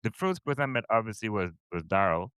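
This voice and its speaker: A man's voice: on the low side, expressive, fast talker, fairly bright tone, clean tone, no echo. A middle-aged Trinidadian man hosting a podcast interview, chatty and upbeat, with lots of fillers and repeated words. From Trinidad and Tobago. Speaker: podcast host. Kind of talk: casual interview chat.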